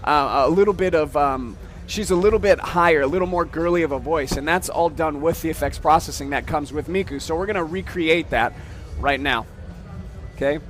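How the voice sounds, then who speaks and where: A man giving a casual, step-by-step software demo at a trade show, often checking in with "okay?". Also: a little high, fairly quick. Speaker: software demonstrator.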